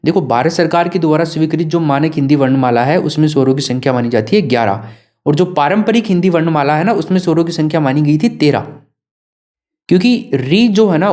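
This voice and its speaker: A man's voice: fairly high pitch, darkish tone. A male teacher giving an exam prep lesson, often asking his students questions and then answering them himself. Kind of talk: classroom lesson.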